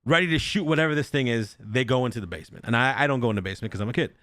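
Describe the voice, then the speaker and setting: A man's voice: mid-range voice, rapid-fire, no echo. A young man hosting a podcast, telling a ghost story casually, swearing often and acting out the voices of the people in it. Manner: animated, swears often, acts out quotes. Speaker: podcast host.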